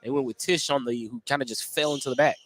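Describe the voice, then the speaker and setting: Fast and steady-toned at medium pitch, this announcer delivers live radio play-by-play from an indoor basketball gym during a game. He speaks in clipped phrases that describe the action in detail, over gym noise and a bouncing ball.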